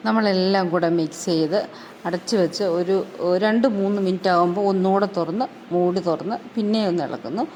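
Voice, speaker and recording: Fast-talking low-voiced woman narrating. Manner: quick, chatty storytelling. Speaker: vlog narrator. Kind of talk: casual narration. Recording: faint background noise.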